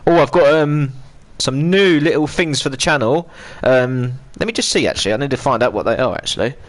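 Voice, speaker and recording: A man's voice: mid-range voice, brisk. Male streamer, casual gameplay chatter, rambling and self-interrupting, mid-range voice. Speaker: gaming streamer. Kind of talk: live gameplay commentary.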